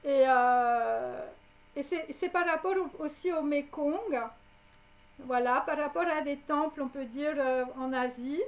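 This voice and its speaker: High-voiced rambling psychic woman. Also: unhurried. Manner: rambling, many fillers and tag "hein"; speaks directly to viewers. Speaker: psychic reader. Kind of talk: live clairvoyant prediction.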